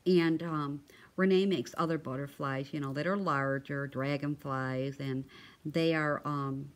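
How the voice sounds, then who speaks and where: Unhurried and steady, this woman's low voice carries a crafting vlogger's casual show-and-tell as she gushes over her craft supplies. She chats away with lots of ums and restarts.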